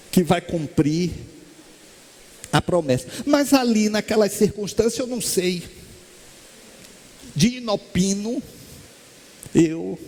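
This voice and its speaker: A man with a Brazilian Portuguese accent giving a spiritist lecture, telling stories and acting out the voices of the people in them. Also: high-pitched. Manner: lively storyteller, acts out quoted voices. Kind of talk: storytelling lecture. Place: lecture hall stage.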